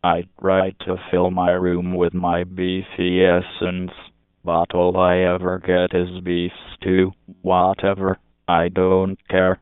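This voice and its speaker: A man delivering a crude comic confession in a deadpan, monotone way. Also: low voice, slow, smooth, no room sound. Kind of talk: deadpan comedic confession monologue. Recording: tinny phone-like sound.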